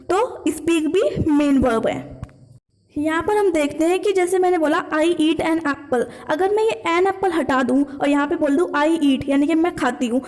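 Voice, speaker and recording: A woman teaching English grammar, asking herself questions and answering them, and reading the example sentences slowly. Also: high voice, a little mellow, big-room sound. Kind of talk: explaining grammar lesson.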